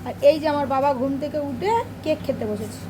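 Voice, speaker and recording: Speaking fast in a high voice over a noisy background, a young vlogger talks to her audience in a relaxed home vlog, indoors, and tells off her child.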